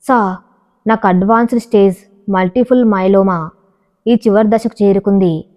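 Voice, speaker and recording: A woman's voice: mid-range voice, normal speed, warm tone, natural voice. A woman reading as an anguished dying young husband. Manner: pleading, broken speech. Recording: dull, reverberant recording.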